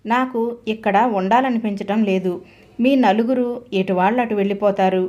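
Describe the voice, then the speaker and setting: A woman's voice: mid-range voice, steady tone, normal speed, a little mellow, muffled recording, natural voice. Lady reading as an older mom, hurt but firm, earnest scolding, medium voice. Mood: pained, reproachful. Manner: earnest, reproachful. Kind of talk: audiobook story reading.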